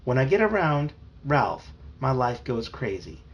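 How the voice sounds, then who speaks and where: Animated man reading a kids' novel. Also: medium pitch, a little slow, muffled recording. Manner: animated, expressive. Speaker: storybook reader. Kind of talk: reading a children's novel aloud.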